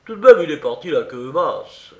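Blustering drunk student, loud, roomy sound, read by a man. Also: fairly high pitch, big pitch swings, moderate pace. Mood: drunken blustering. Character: boisterous drunk young student. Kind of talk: audiobook character reading. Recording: roomy recording.

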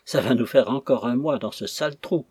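A man's voice: medium pitch, a little fast, a little mellow, slightly rough, dry recording, clean studio sound. A man voicing a grumbling ship's mate in an audiobook.

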